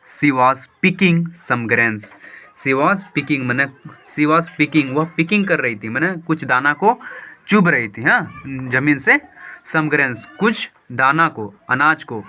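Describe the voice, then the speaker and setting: A man reading a story aloud slowly, line by line, and explaining each word and phrase in quick, lively Hindi as a teacher. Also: a little high. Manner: slow deliberate reading of English lines, then quick lively Hindi explanation. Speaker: English teacher.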